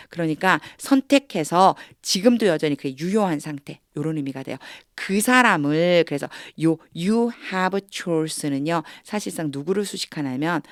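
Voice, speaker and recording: A woman teaching English through Bible verses, explaining step by step and reading English lines slowly. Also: fairly low pitch, dry recording, clean studio sound. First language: Korean.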